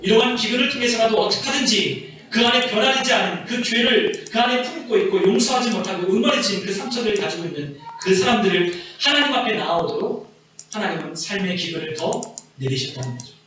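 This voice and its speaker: A man's voice: sits high, lively intonation, brisk, bright, forceful tone. A man preaching a sermon as pastor, earnestly stressing his points. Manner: earnest preaching, voice rising and falling with emphasis. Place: church sanctuary. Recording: echoey church hall from far off.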